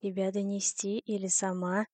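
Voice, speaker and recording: A woman voicing a young man who is teasing and gentle toward his partner. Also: medium pitch, little pitch movement, moderate pace, no echo, close to an everyday voice. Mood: tender.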